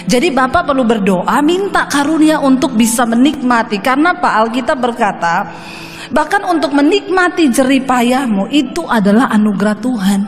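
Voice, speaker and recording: A woman pastor giving a sermon, telling stories in a lively way and addressing listeners as brothers and sisters. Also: high-pitched. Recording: echoey hall with faint music.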